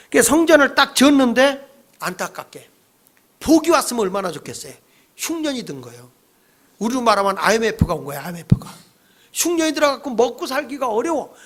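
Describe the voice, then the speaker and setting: Gravelly high-voiced man preaching. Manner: lively, playful preaching that leads the congregation in call-and-response. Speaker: pastor. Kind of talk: sermon. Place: church sanctuary.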